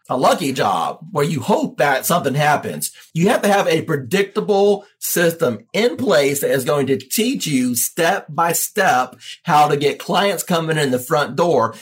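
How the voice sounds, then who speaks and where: Husky, animated male sales coach. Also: a little high. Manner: animated, pushy, direct to viewers. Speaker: real estate coach. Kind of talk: livestream sales coaching talk.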